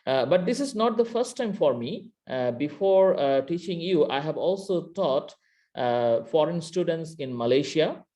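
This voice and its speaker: Animated yet measured in pace, a Bangladeshi lecturer with a slightly high, mellow voice runs an online university class. The computer mic on his video call captures hesitant speech heavy with fillers and restarts, delivered in a Bangladeshi accent.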